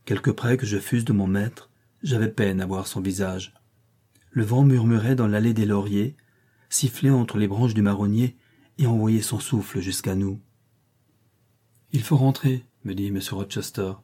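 A man reads a classic novel aloud in measured, literary narration. His voice is low, mellow and somewhat husky. He tells the story steadily for the listener. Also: fairly even intonation. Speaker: audiobook narrator. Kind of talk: scripted audiobook narration.

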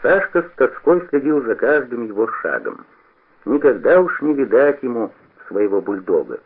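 Husky male reader on an old radio. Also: medium pitch, moderate pace. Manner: expressive storytelling. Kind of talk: scripted narration. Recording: tinny old radio broadcast.

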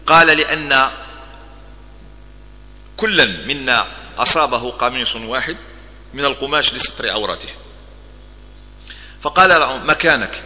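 A man's voice: medium pitch, lively intonation, a little slow, long pauses, sharp tone, long reverb tail. A man with an Algerian accent giving a religious lesson, telling stories and moving between formal Arabic and dialect. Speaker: preacher.

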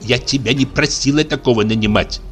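A man voicing an indignant lower-class older mother who scolds in plain folk speech in an audiobook play. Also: brisk, fairly bright tone, soft background music, natural voice.

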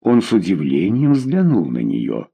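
A man narrating a historical novel aloud, with expressive, theatrical reading. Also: deep voice, measured pace, creaky, husky.

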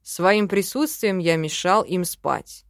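A woman's voice: fairly low pitch, slow pace, no echo. A woman voicing a touchy, condescending young male elf in an audiobook, read close and dry. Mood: explaining. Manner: condescending, snapping. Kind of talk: audiobook character reading.

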